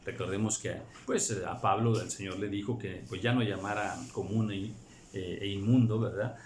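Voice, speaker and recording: A man's voice: fairly low pitch, moderate pace, a little hiss or hum. A man preaching a Bible study sermon, reading scripture and commenting, acting out the story and often asking "right?". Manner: animated, acts out scripture, frequent rhetorical "right?". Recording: echoey room with faint ambience.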